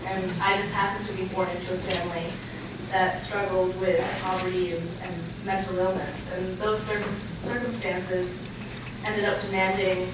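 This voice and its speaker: A young adult woman giving an earnest, prepared acceptance speech as an award recipient, halting with pauses as she goes. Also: medium pitch, little pitch movement. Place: large echoey room, live event. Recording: echoey, noisy room, distant mic.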